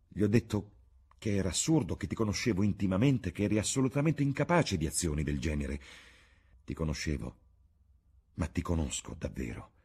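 A grave middle-aged painter, earnest and pleading, as a male reader voices him. His voice is low and a little husky. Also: lively intonation, brisk, a little mellow, exaggerated voice. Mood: troubled. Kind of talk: audiobook reading.

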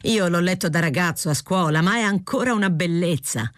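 A woman's voice: fairly low pitch, fairly quick, no echo, clean studio sound, voice pushed up, lightly acted. A woman reading aloud, voicing an anxious, rule-bound male print-shop foreman in an audiobook. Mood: fretful. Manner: fretful, cautious, rule-bound.

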